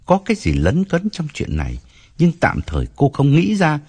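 A male narrator reads a novel aloud in a husky voice that swings widely up and down. His delivery is expressive and dramatic, shaping each sentence like a storyteller. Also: fairly high pitch, normal speed. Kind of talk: audiobook narration.

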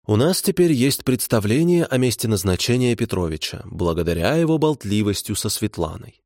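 A man's voice: on the low side, expressive, normal speed, a little mellow, no room sound, clean studio sound. A man voicing a prissy, sardonic middle-aged swindler who speaks through clenched teeth. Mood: sneering, sardonic.

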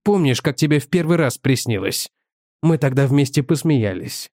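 A man's voice: medium pitch, expressive, normal speed, darkish tone, no echo, clean studio sound, natural voice. A man voicing a jealous, bitter husband who accuses his wife with sarcasm, in an audiobook reading. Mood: accusing.

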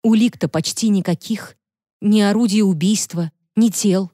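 A woman reading the lines of a worried mother in an audiobook, quiet and pleading. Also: mid-range voice, normal speed, no room sound, clean studio sound, voice pushed up, lightly acted. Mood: anxious. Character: worried mother of an accused man.

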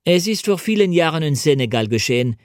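A man reading the part of an elderly French officer who tells a story slowly and deliberately. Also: a little high, sing-song, darkish tone, dry recording, clean studio sound. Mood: measured.

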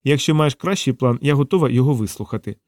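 Man doing a tough woman pilot, blunt, curt, higher voice, audiobook. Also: lively intonation, fast, darkish tone, dry recording, studio quality, natural voice. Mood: tense. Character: tough female shuttle pilot, blunt and sharp.

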